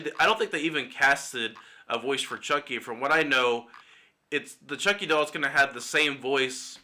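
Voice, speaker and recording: A man talks through his opinions in a loose, speculative solo commentary, now and then dropping a curse. His voice has a very bright, cutting edge at an ordinary male pitch. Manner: speculative, opinionated, casually swearing. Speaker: YouTube movie commentator. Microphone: desktop mic, screen-recorded video.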